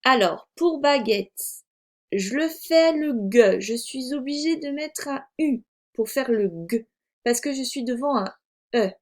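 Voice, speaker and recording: A woman teacher leads a reading lesson for young children in a fairly high voice. She talks slowly and patiently, repeating each word and spelling it out letter by letter. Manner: slow, careful dictation, spelling out letters; patient, explains and repeats words. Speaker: first-grade teacher.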